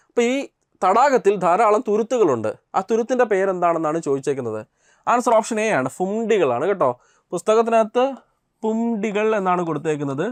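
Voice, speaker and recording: Fast-talking man teaching exam prep. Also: on the high side, no room sound. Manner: repeats questions and answers, checks in with "kettō" and "alle".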